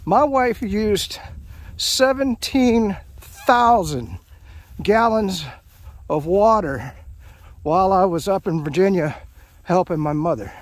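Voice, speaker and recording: Middle-aged man, rambling trail vlogger, slightly higher voice, walking outdoors with the camera. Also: animated, takes it slowly, pauses often, no room sound. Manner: rambling, chatty, many fillers and restarts. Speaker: vlogger narrating a hike. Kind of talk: casual hiking commentary to camera. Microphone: handheld action camera, off-screen narrator.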